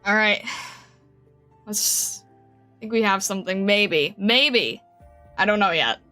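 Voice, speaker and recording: A woman livestreaming casually while she draws, thinking aloud in a hesitant, rambling way with a bright, high voice. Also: takes it slowly, soft background music. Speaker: livestreaming artist.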